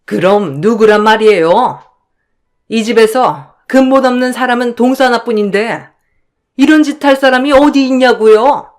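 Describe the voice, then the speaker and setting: A woman voicing a scornful middle-aged sister-in-law who shouts accusations. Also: on the high side, normal speed, voice pushed up, lightly acted. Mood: indignant.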